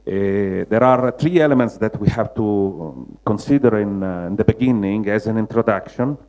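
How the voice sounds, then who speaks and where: A man with a Roman Italian accent gives a public slide lecture, searching for words in halting non-native English. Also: fairly low pitch, darkish tone. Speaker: lecturer, mosaic restorer.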